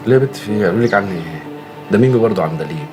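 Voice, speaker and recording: A man's voice: on the low side, animated, very fast, music in the background, lightly acted. An actor playing a playful young fiancé who teases his bride in an Egyptian accent. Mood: tender teasing. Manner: joking, playful.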